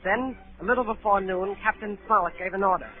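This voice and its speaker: In a 1938 radio drama heard through a narrow-band broadcast, a male actor plays an earnest adolescent cabin boy who tells his story wistfully. The voice is high-pitched and fairly quick, lightly acted, with faint music behind it.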